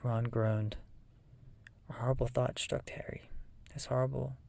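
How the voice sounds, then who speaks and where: Soft creaky whisper, ASMR story reading. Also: mid-range voice, little pitch movement, unhurried. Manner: soft whisper, often voiceless. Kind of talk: whispered ASMR reading of a children's fantasy novel.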